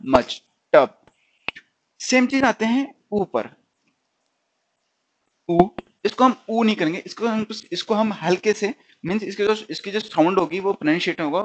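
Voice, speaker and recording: A high-pitched man teaches stenography to a class, explaining at a slow pace. He keeps asking "okay?", says words, and repeats sounds and words so the students can drill them.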